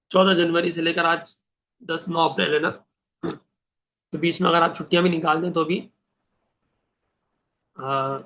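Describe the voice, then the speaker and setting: A man teaching a Quran translation class, reciting Arabic verses slowly and then explaining them with questions he answers himself. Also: a little high, a bit bright.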